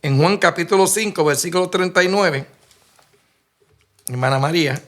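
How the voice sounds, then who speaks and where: A high-voiced man from Puerto Rico preaches with a Puerto Rican Spanish accent, moderately paced and fairly bright in tone. His sermon is earnest storytelling, peppered with rhetorical questions and frequent restarts.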